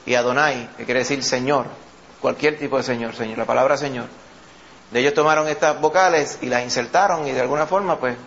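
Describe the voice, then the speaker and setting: A man's voice: mid-range voice, fairly bright tone. Man preaching a dull, lo-fi Bible study. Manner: conversational teaching, frequent "¿ok?" and "¿verdad?" checks. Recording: dull lo-fi with faint noise.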